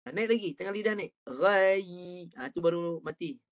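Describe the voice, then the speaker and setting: A man's voice: high-pitched, fast talker. A man with a Malaysian Malay accent teaching an online Quran reading class, patiently modelling sounds for his student to repeat. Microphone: video call.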